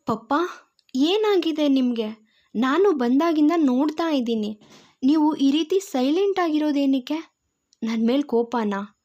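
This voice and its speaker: Worried young daughter in an audio story, voiced by a woman; high, mellow tone, lo-fi. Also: lively intonation, a little slow, pauses often. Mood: anxious. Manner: pleading, anxious questions. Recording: dull lo-fi recording.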